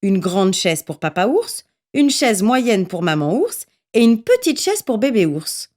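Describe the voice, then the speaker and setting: A woman narrating a children's story in an expressive, lively reading voice. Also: medium pitch, measured pace.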